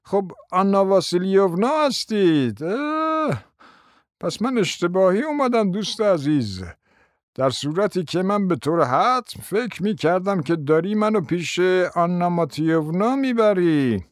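A man voicing a forgetful, fussy old prince in an audiobook, talking slowly and mumbling as he trails off. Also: high-pitched, very animated, no echo, clean studio sound, pitched above the performer's own voice. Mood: mumbling, muddled. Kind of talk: audiobook character voice.

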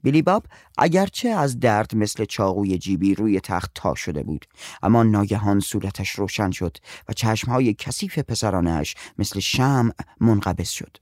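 A man narrating a story in an expressive, storytelling manner. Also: lowish voice, dry recording, studio quality.

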